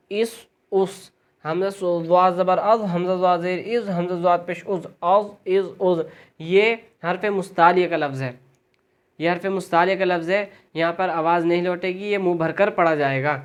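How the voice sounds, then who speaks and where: A Quran reading teacher giving a step-by-step lesson, explaining each letter's rule plainly and then repeating the sounds slowly for the learner. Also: medium pitch, clear, resonant tone. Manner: explains letter rules plainly, then drills them aloud.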